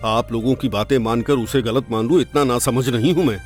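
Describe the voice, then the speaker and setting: A man's voice: medium pitch, fairly quick, faint music behind, lightly acted. An actor dubbing a devoted middle-aged father who defends his daughter, earnest and pleading. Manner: pleading, then proud and steady. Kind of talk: Hindi film dub.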